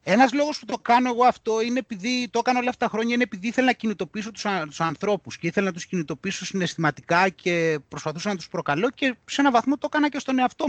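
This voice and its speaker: A man with a high, swooping voice talks heatedly on a podcast. He sounds indignant and mocks what he reads aloud. The sound is dry and close to the mic. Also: no room sound. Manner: animated, indignant, reads news aloud mockingly. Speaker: podcast host.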